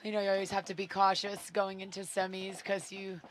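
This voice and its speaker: A woman's voice: mid-range voice, little pitch movement, a little fast, noisy background. A woman guest player losing her voice, chatting casually and laughing in a small booth beside a paintball field. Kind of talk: casual chat.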